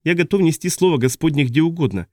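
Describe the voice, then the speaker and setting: A man's voice: medium pitch, expressive, fast talker, darkish tone, no echo, clean studio sound, close to an everyday voice. A man reading an audiobook, voicing an earnest, cheerful young male preacher. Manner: earnest, naive.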